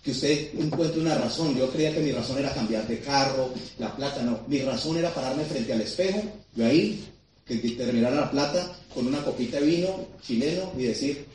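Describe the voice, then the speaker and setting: In a large seminar hall, a man with a mid-range voice delivers a fast, excitable storytelling talk at a sales seminar, asking the audience questions as he goes. The distant mic picks up heavy echo and a little hiss or hum.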